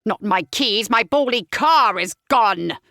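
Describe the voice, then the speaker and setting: A woman's voice: fairly high pitch, animated, takes it slowly, bright, forceful tone, no room sound, clean studio sound, exaggerated voice. A woman voicing a pompous, blustering retired army major, an older man who grumbles and fumes. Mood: indignant.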